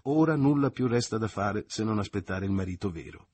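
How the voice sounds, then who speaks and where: A man's voice: on the low side, animated, brisk, a little hiss or hum, pitched above the performer's own voice, lightly acted. Man playing a smug, scheming seducer. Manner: smooth, self-satisfied, quietly insistent. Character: smug middle-aged seducer, calm and scheming.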